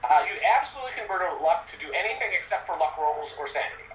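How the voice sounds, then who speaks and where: A man narrating as game master, animated and laughing, now and then yelping little creature cries. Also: a little high, very fast, roomy sound, distant mic, a little hiss or hum, poor audio.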